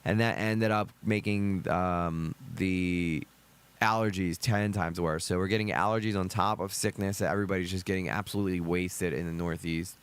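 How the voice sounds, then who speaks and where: Hoarse deep-voiced man hosting a stream. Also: fairly even intonation, moderate pace. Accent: American Northeast. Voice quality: deep, gravelly. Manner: chatty, greets chat viewers by name. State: hoarse from a cold. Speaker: livestream host. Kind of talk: casual livestream commentary.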